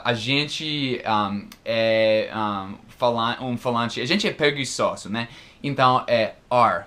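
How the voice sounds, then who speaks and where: Slow, careful male teacher. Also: medium pitch, fairly bright tone. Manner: slow, careful, repeats words for practice. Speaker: English teacher. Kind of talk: recorded pronunciation lesson.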